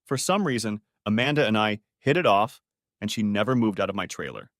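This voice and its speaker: A man narrating a first-person family story in a steady, matter-of-fact way on a close mic. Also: fairly low pitch, fairly quick, dry recording.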